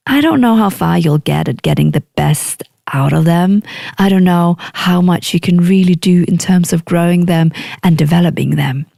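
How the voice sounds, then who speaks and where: A woman's voice: lowish voice, creaky, warm tone, no echo, clean studio sound. A middle-aged woman from Denmark with a Danish accent, hosting her own podcast as an executive coach and speaking earnestly and emphatically in a solo monologue. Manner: earnest, emphatic, acts out quoted clients.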